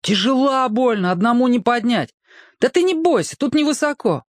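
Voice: medium pitch, expressive, moderate pace, no echo, clean studio sound, voice pushed up, natural voice. A storyteller voicing a bold, brash boy who hurries his friend along. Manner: brash, hurrying.

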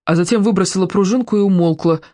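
An audiobook narrator reading a children's adventure story with lively, expressive storytelling. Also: medium pitch, fast, no room sound, studio quality.

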